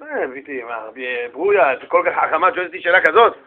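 A man voicing a revered, gentle old rabbi who speaks patiently and humbly. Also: on the high side, animated, phone-quality sound, pitched below the performer's own voice, close to an everyday voice. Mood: reassuring.

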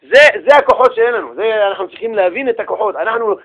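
High-voiced man telling a lively religious story. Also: a little hiss or hum. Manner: animated, slangy, chatty with listeners, acting out quoted voices. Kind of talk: casual religious talk with storytelling.

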